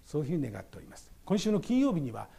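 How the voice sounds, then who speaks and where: A man preaching a sermon as pastor, measured and formal, with fillers and pauses. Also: fairly high pitch, wildly swooping pitch, vocal fry, dark tone. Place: church sanctuary.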